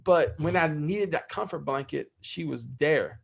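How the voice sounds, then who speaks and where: A man's voice: a little high, lively intonation, a little slow, vocal fry, husky. A middle-aged man speaking as a podcast guest in candid interview talk, heartfelt and freely swearing.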